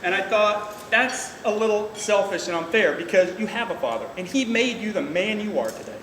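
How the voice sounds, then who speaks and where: A middle-aged man gives an informal father of the bride speech, plain-spoken, salty and emotional, with halting delivery. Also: high-pitched, animated, fairly bright tone. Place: large reverberant reception room indoors. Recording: echoey hall, distant mic, noisy room.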